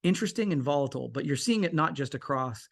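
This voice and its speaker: Relaxed American man co-hosting. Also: fairly high pitch, quick pace, vocal fry. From United States. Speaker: podcast co-host. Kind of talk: casual business chat.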